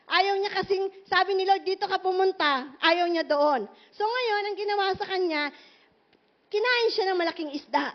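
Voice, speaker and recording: A woman pastor preaching a sermon in an animated, emphatic way, full of rhetorical questions, in a muffled recording. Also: very high-pitched, moderate pace.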